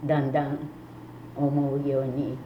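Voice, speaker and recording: An elderly woman with a western Japanese accent, talking in a measured, politely old-fashioned way as she is interviewed about her life and views. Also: a bass voice, monotone. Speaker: oral history interviewee. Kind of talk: reminiscing interview talk. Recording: muffled, roomy, faintly noisy tape recording.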